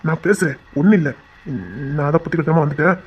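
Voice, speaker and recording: A man's voice: a little high, quick pace, breathy edge, highs cut off. A man acting a young male lover who begs and reassures. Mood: reassuring.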